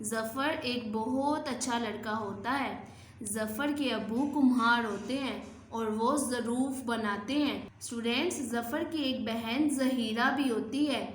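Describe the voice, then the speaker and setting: A woman with a Pakistani accent teaching young children to read, leading slow sing-song call-and-response drills. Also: fairly high pitch, roomy sound, a little hiss or hum. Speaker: Urdu teacher.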